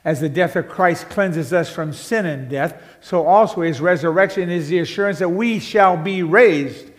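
A man preaching a sermon in a church, slow and measured, building to loud emphatic passages and then sinking to soft, hushed ones. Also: high voice. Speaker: pastor. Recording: long church hall reverb.

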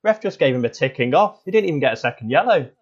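A man as co-commentator on a spoof football show, with a deadpan, cynical pundit delivery. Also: a little high, fast, muffled recording.

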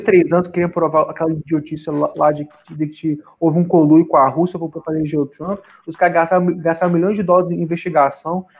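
A man co-hosting a podcast in casual political chat, rambling with many restarts and repeated words. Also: a little high. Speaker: podcast co-host. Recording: dull lo-fi sound.

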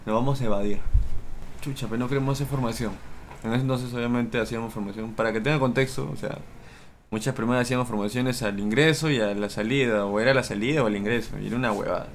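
A man's voice: mid-range voice, fast talker, slight background noise. A young man telling school anecdotes in crude slang, acting out quotes playfully. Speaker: podcast co-host. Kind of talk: casual anecdote storytelling.

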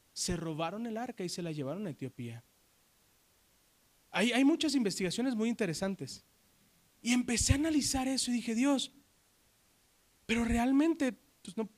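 A male pastor with a notably high voice preaches a lively sermon in church. He rises into loud, excited outbursts, then drops into low, hushed words for emphasis. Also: moderate pace, long pauses. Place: church service before a congregation.

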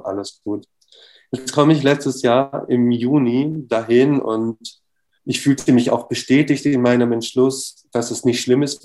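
A middle-aged man telling a personal story in an interview, lively and full of fillers, acting out the dialogue as he goes. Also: medium pitch. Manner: animated, acts out dialogue, many fillers. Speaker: interview guest. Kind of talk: casual storytelling.

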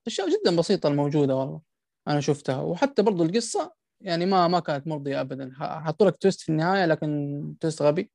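Man, gaming podcast co-host, gravelly and fast, blunt complaints, dry close sound. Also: on the high side, expressive, a little mellow, dry recording. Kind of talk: casual gaming podcast chat.

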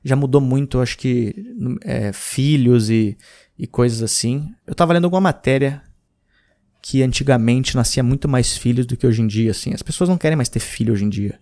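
A man's voice: mid-range voice, fairly quick, warm tone. A man in his thirties from Brazil, hosting a podcast and chatting informally about listener messages, rambling with slang and restarts. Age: 30s. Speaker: podcast host. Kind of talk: casual podcast chat reading listener messages.

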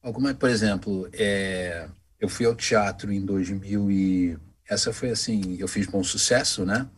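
A man, a voice actor telling anecdotes in a casual interview, animated and acting out the voices of the people in his stories. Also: fairly low pitch, measured pace, a little hiss or hum. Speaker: voice actor guest.

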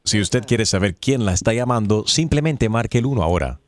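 A man voicing an automated phone menu for a prank call, deadpan and formal, as if reading scripted announcements. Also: on the low side, fairly quick, pitched below the performer's own voice, lightly acted. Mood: deadpan, official. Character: deadpan automated phone menu voice giving absurd health notices and advice.

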